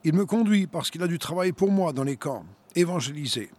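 A man voicing a starving male prisoner who keeps his faith, in an inward, steady voice. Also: fairly high pitch, brisk. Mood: resolute.

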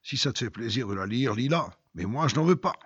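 A man voicing a gloomy drunken man in a low, muttered tone. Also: animated, a little fast, fairly bright tone, slightly rough, no room sound. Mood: subdued. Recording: dull lo-fi recording.

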